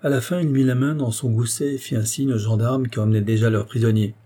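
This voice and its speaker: A man reading a classic story aloud as an audiobook narrator, in a measured storytelling manner. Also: mid-range voice, fairly even intonation, dark tone. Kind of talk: scripted narration.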